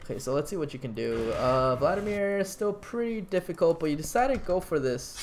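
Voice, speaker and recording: A man's voice: a little high, animated, brisk, a little mellow, slight background noise. A man casually coaching a player through a game replay, talking in loose, restarting sentences. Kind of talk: casual gameplay analysis commentary.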